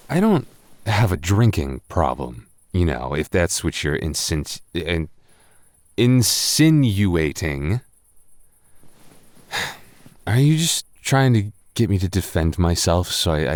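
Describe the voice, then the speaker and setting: A male actor plays a drunk roommate in intimate boyfriend roleplay audio, his very low young voice slow and darkish in tone. He teases but stumbles over words and rambles, flustered and quietly in love, recorded up close, dry and echo-free.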